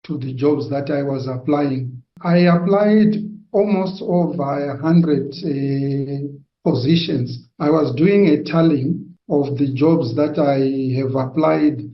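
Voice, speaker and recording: A man from Zimbabwe giving a personal testimony, slow and hesitant, with many pauses and fillers. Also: on the high side. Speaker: testimony giver. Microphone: video call. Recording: echoey, dull lo-fi sound.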